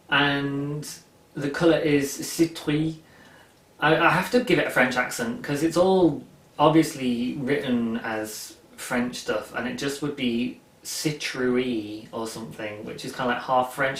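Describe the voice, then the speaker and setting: In an echoey living room, a young man on a sofa hosts a knitting video podcast, his casual chat rambling and self-amused with plenty of ums. His medium-pitched, fairly bright voice is far from the mic and slightly off to one side.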